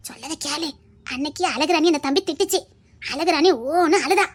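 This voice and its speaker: In a one-voice audio drama, a woman plays a blunt old village grandmother with a Tirunelveli Tamil accent, using a lowered, gravelly register at a moderate pace. The grandmother gossips, scolds, lectures and teases like someone who has seen it all.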